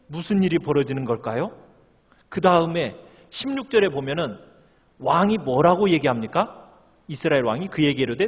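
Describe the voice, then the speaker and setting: A man's voice: a little high, husky. A male pastor preaching, reading scripture aloud and asking the congregation questions, acting out the quoted lines. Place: church hall. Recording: lo-fi church recording with long reverb.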